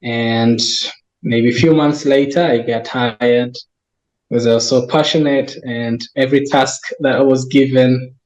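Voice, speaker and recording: A man's voice: medium pitch, fairly even intonation, darkish tone, highs cut off. A young Tanzanian man working as a wildlife research coordinator, being interviewed and answering thoughtfully with many restarts. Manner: slow and thoughtful, with frequent restarts. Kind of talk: conversational interview.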